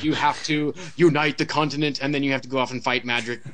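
A man with a bright, crisp-edged voice talks casually on a games panel. His delivery is conversational and wry, with dry asides in an ordinary mid-range pitch. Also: steady tone, quick pace. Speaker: panelist on a video game discussion. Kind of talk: casual chat.

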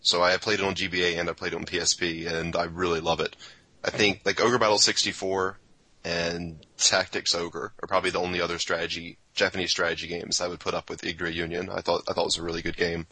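Deep, fast-talking husky man. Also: flat delivery, bright, forceful tone, dry recording, rough recording. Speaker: podcast co-host. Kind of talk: casual podcast chat.

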